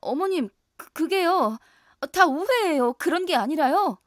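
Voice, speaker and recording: A woman's voice: very high voice, expressive, a little slow, dry recording, studio quality, pitched above the performer's own voice. A woman voicing a flustered young daughter-in-law in a voice drama, stammering and pleading.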